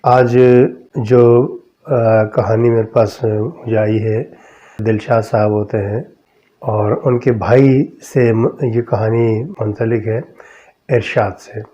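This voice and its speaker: Male podcast storyteller, deliberate pacing, warm low tone, muffled recording. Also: flat delivery. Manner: slow, measured storytelling with drawn-out pauses. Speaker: storyteller host. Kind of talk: narrating a true horror story.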